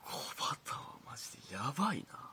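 Whispering in a bright, forceful tone at normal speed, the young Kansai comedian rambles through stories on his own talk show. His casual monologue is chatty and full of restarts.

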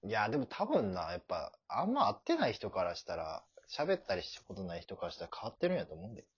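Lively young man with a Kansai accent. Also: quick pace, husky, no echo, highs cut off. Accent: Kansai Japanese. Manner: animated, bursts into loud high shouted bits. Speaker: podcast host. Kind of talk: casual comedic chat.

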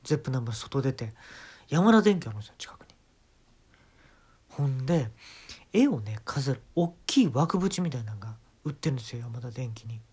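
A man's voice: medium pitch, animated, brisk, pauses often, a little mellow, breathy edge. A man with a Kansai accent telling a comic story as a monologue, acting out sounds and quoted lines along the way. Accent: Kansai Japanese.

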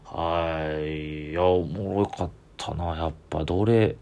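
A man's voice: sits low, steady tone, takes it slowly, creaky, darkish tone, smooth. A man with a Kansai accent, chatting on his own as a comedian podcaster, rambling with easy enthusiasm. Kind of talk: solo casual chat.

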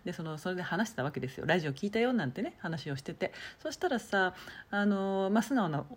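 A woman hosting a solo talk show, chatting casually and deliberately dropping in Nagoya dialect and thinking pauses. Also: lowish voice, expressive, breathy edge. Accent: Nagoya dialect touches. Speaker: podcast host.

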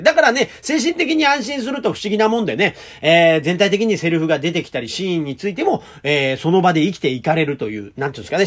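A stage performer hosting his own talk show, telling stories in a chatty, animated way with polite old-fashioned phrasing and self-deprecating humor. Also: a little high. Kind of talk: casual solo talk.

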